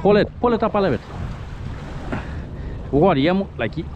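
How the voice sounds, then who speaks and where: A man with a Trinidadian accent giving chatty, excitable running commentary while fishing from a small boat. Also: high voice, moderate pace, dull audio. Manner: chatty, excitable, creole phrasing. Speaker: fishing vlogger. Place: outdoors on a small boat at sea. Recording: noisy outdoor water and wind.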